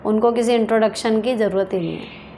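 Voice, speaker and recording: A woman hosts a casual advice talk and answers viewer questions in a frank, down-to-earth way. Her voice sits at a middle pitch. A faint hiss of background noise stays under her voice. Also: a little fast, dark tone. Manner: frank, direct, reads questions aloud then answers plainly. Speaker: advice show host.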